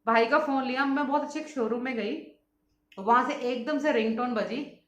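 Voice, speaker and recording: A young woman chatting casually and quickly as a beauty vlogger at home, often laughing as she talks. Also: sits high, a bit bright. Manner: fast-talking and laughs often. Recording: echoey room sound.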